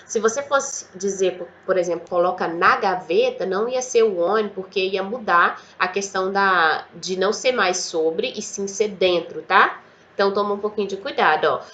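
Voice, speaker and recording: A woman with a Brazilian Portuguese accent teaching an English lesson in a casual, lively way, slowly repeating words for learners. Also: medium pitch.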